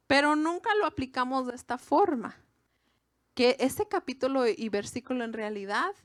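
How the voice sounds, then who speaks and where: A woman's voice: on the high side, fairly bright tone, no echo, studio quality. A woman from Mexico with a Mexican accent, giving an informal sermon to a women's gathering in a conversational way, with asides to her listeners. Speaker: preacher.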